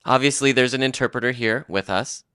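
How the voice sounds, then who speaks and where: A man's voice: medium pitch, brisk, bright, forceful tone, clean tone, dry recording, clean studio sound. Man giving a live spoken translation of signing. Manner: voices another's signed words as his own, with a slight lag. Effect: live spoken interpretation for a deaf signer, in first person. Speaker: sign language interpreter. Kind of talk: workshop presentation. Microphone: shared handheld microphone.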